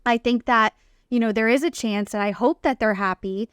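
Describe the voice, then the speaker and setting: A woman with a smooth, clear and slightly high voice co-hosts a reality TV recap. She gives casual, opinionated commentary in slangy phrasing, with a dry, close sound. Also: normal speed, dry recording. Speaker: podcast co-host recapping reality TV.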